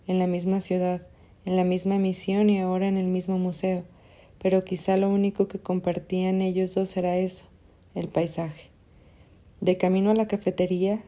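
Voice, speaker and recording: A woman reading literary fiction aloud as an audiobook narrator, in a measured, even way. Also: lowish voice.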